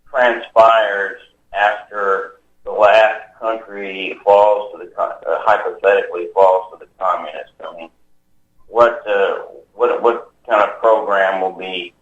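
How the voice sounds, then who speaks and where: A low-voiced man calls in on a speakerphone that makes him boom as though he's talking from inside a cave. The line is dull and muffled, and he speaks slowly. He stops and searches for his words as he asks his question. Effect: cave-like echo from a speakerphone. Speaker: caller. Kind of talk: call-in question to a radio show. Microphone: phone on speaker. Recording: echoey, dull speakerphone call.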